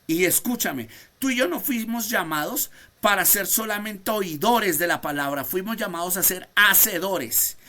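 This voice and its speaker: Apostle-teacher, bright forceful voice, emphatic preaching style, remote class on a video call. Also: medium pitch, expressive, normal speed, hardly any pauses. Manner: emphatic, calls on listeners by name, rhetorical questions. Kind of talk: fervent preaching lesson to students.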